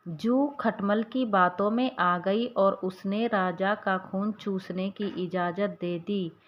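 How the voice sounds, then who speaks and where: A woman narrating a moral story in a measured, scripted reading, in a slightly muffled recording. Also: mid-range voice, fairly even intonation.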